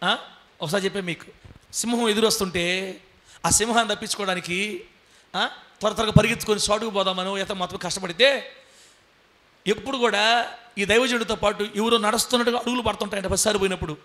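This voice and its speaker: A man's voice: sits high, fairly even intonation, fast talker, long pauses, fairly bright tone. A male pastor preaching a sermon, telling stories emphatically and calling out for amens. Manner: emphatic storyteller, rousing calls for amen.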